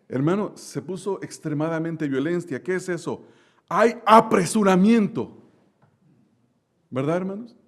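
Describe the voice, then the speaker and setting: Preaching man with a slightly high voice. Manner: preaching with slow drawn-out emphasis and direct questions to the congregation; lively storytelling with sudden loud outbursts. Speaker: pastor. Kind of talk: sermon.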